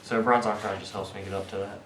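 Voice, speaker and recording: Guy going over his card deck, kinda low voice, lots of uh and restarts, echoey room. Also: little pitch movement. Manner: halting, many fillers and restarts while explaining. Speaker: card game deck presenter. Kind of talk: casual card-deck walkthrough. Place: indoor room with friends nearby. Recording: echoey room with faint background hiss.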